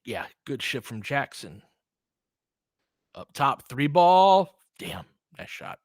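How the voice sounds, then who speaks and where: A man hosts a fan play-by-play stream of a live basketball game, mixing informal, slangy reactions into casual chat. His medium-pitched voice is very animated yet slow, recorded cleanly in a studio with no room sound.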